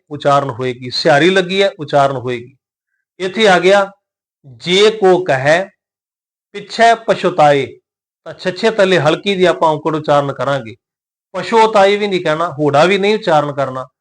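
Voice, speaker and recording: A man teaching the pronunciation of scripture, reciting each verse slowly and carefully, then explaining it in plain words. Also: a little high. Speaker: Gurbani teacher.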